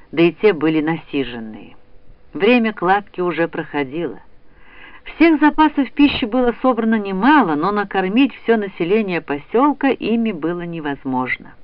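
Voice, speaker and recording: A man's voice: high-pitched, no echo. A man narrating a storybook, reading expressively on a dull, slightly lo-fi recording.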